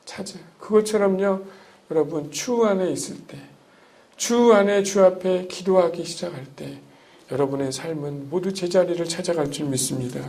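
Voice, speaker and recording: A middle-aged male pastor preaching to his congregation in a slightly higher voice for a man. He asks the listeners question after question and waits for their answers. He moves between loud, emphatic lines and soft, hushed ones. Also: normal speed. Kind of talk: sermon.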